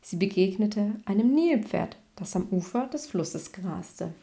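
A woman reading a children's bedtime story aloud, gently and evenly. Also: mid-range voice, lively intonation, measured pace, gravelly. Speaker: storybook reader.

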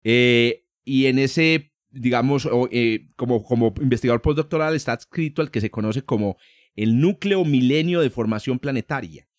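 A man's voice: mid-range voice, moderate pace, dry recording, clean studio sound. A man hosting a podcast, chatty and hesitant, with many fillers. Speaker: podcast host. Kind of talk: casual podcast chat.

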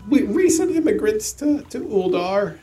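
A woman's voice: medium pitch, very animated, measured pace, roomy sound, over music. A woman voicing a polite, formal male traveler who stammers, in a tabletop game.

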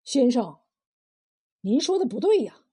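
A woman voicing a blunt, wise old male fisherman in a told folk tale, drawing out his words in a slow folksy way. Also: sits high, sing-song, dark tone, breathy edge, heavily acted. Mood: lecturing. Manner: slow, drawn-out folksy speech. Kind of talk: storytelling role voice.

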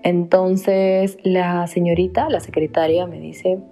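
Young woman, Peruvian accent, low and warm, casual confessional storytelling. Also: flat delivery, slow pace, soft background music. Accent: Peruvian Spanish. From Peru. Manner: confiding, speaks straight to viewers. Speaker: vlogger.

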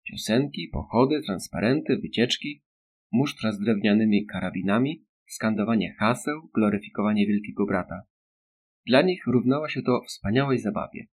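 A man narrating an audiobook in a steady, measured reading. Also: fairly low pitch. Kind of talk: scripted narration.

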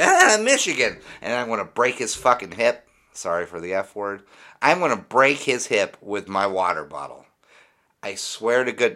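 A man's voice: on the low side, sharp tone. A man hosting a fan podcast, ranting in an exasperated, sarcastic way with plenty of swearing. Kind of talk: sports fan rant.

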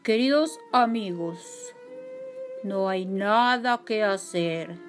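A woman from voicing the oldest, wisest ghost, who speaks in a slow, solemn, defeated way. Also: mid-range voice, very animated, music in the background. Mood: resigned.

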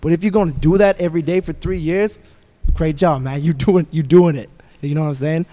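Man, podcast guest, relaxed slangy talk, higher pitch, mellow tone. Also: fairly quick. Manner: easygoing, laid-back slang. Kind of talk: casual podcast chat.

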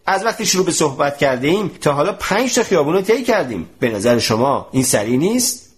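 A man reading aloud voices a brisk, impatient young male cyclist who answers matter-of-factly and with some irritation. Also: on the high side, very animated. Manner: matter-of-fact, a bit irritated.

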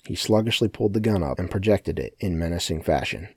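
A man narrating a story as an audiobook in a steady, matter-of-fact way. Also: sits low, fast talker, creaky, breathy edge, no echo, clean studio sound. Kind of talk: scripted narration.

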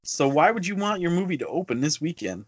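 Speaking fast with big pitch swings in a slightly high voice, a man co-hosts an informal movie podcast, emphatic and repetitive to get his points across. The lo-fi recording is dull, with no echo.

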